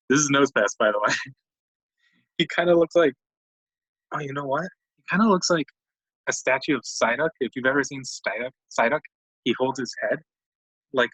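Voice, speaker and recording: A man's voice: medium pitch, fairly bright tone, breathy edge, no room sound. A man giving rambling, self-mocking casual commentary while playing a video game. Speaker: let's play commentator. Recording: dull lo-fi dry mic.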